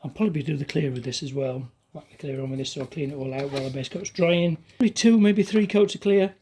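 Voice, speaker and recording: Mellow woman, muffled by a mask. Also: deep voice, quick pace, a little hiss or hum. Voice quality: muffled through a paint mask. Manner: relaxed, chatty running commentary. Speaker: DIY car painter. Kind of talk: casual talk while working. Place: home garage, indoors.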